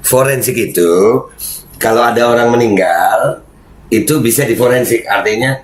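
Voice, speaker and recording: A man hosting his own channel, talking loudly and heatedly in casual commentary. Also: medium pitch, unhurried, roomy sound, a little hiss or hum, rough recording. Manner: loud, heated, then slipping into Arabic prayer phrases. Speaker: YouTube channel host.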